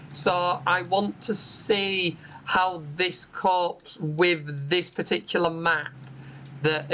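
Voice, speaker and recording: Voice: mid-range voice, pushed and bright, a little hiss or hum, low-quality recording. A bus simulator channel host giving casual gameplay commentary from home, chatty and explanatory, with frequent "um" fillers. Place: home room with a window onto a street.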